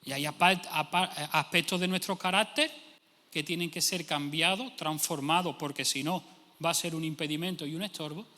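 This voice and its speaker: A man's voice: fairly high pitch, fairly even intonation, normal speed, bright, forceful tone. A male pastor, preaching a sermon emphatically and acting out imagined speakers. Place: church hall. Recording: long church hall reverb.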